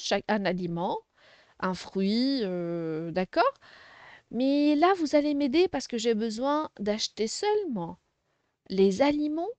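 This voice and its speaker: A woman teaches young children to read, drawing out each syllable slowly and praising them often. Her fairly high voice swings up and down with animated emphasis. The sound is dry and close, with no room echo. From Arabic-speaking background. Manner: slow, clearly articulated, encouraging teacher talk. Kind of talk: first-grade phonics lesson.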